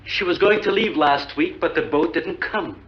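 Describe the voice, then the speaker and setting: A man's voice: fairly high pitch, moderate pace, a little hiss or hum, close to an everyday voice. A man playing a worried islander. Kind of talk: 1950s film acting. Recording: dull old film soundtrack with loud music.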